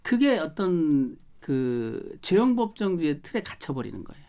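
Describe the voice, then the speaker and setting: A woman's voice: low-pitched, big pitch swings, measured pace, mellow. A woman speaking as a guest lawyer on a talk show, explaining emphatically and firing off rhetorical questions.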